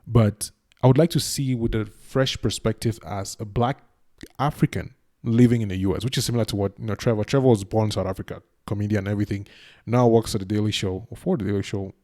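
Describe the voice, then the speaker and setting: Chatty man from Cameroon with a dark tone. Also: lowish voice, fairly even intonation, fast. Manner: chatty, self-deprecating, talks to the viewer. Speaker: YouTube reaction host. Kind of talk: casual reaction commentary.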